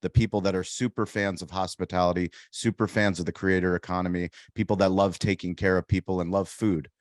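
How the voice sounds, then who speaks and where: A man hosts an interview with a very low, deep voice and a hype-style, energetic delivery. The recording is dry, with no room sound around him. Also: brisk, dry recording. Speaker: show host and restaurant owner. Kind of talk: interview hosting.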